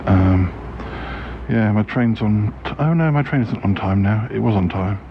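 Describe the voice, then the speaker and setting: A man's voice: fairly low pitch, expressive, measured pace. A man in his forties giving a casual, hesitant, rambling audio diary as a podcast host. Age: 40s. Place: out and about at a station and on a train. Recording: muffled field recording, loud transport noise. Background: loud station and train noise.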